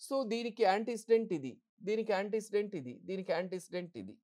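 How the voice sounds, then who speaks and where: With a medium-pitched, expressive and warm voice, a woman runs an exam-prep grammar lesson in English. She reads example sentences slowly and deliberately, asking the class questions and then answering them herself.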